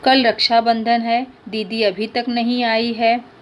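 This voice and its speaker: Teacher putting on a little boy's voice, high and lively, plaintive, faint hum. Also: slow pace. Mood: sad. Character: young schoolboy, sad then eager.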